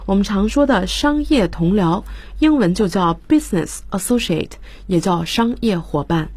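A woman's voice: mid-range voice, expressive, moderate pace, a little mellow, husky, no echo. A woman teaching English vocabulary on a radio lesson, explaining patiently and spelling words out letter by letter. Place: radio studio.

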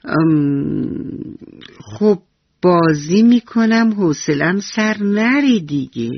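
A woman's voice: lowish voice, animated, no echo. Woman playing a curious little boy. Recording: dull lo-fi radio recording.

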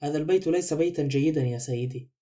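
A reserved housemaid answers in a subdued, guarded way, her tone soft and mellow, as a male reader voices her in an audiobook. She speaks quickly and keeps her feelings close. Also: on the high side, lightly acted. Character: reserved, wary woman housemaid.

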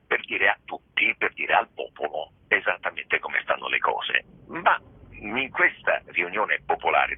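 A theatre director and actor explains a play in a radio interview heard over a phone line. His low, husky voice carries no echo. He keeps searching for words, pausing often and hedging.

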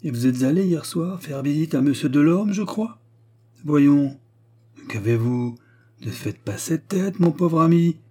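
A man doing a rough, sneering steward. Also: fairly high pitch, lively intonation, measured pace, dark tone, pitched above the performer's own voice. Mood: mocking. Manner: brusque, sneering, menacing. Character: rough, mocking male estate steward.

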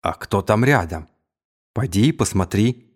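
A man's voice: lowish voice, animated, unhurried, breathy edge. A man voicing a drunken, raging young Mongol khan who is suspicious and given to wailing outbursts. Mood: wild, drunken.

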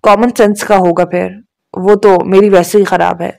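An unbothered young man who teases his sister dryly and shrugs off serious news, read by a woman narrator. He talks at a mid pitch in an offhand storybook tone. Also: level tone, creaky, darkish tone, lightly acted. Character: young man, casual and teasing brother. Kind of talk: audiobook dialogue reading.

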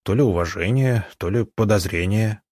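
A male audiobook narrator with a lowish voice, reading in a steady, even way. The recording is dry and close, with no room sound. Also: normal speed, dry recording. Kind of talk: scripted narration.

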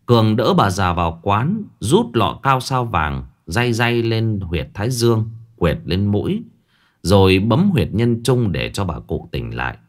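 A man narrating a ghost story in a lively, dramatic storytelling manner. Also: fairly low pitch, unhurried. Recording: faint background music.

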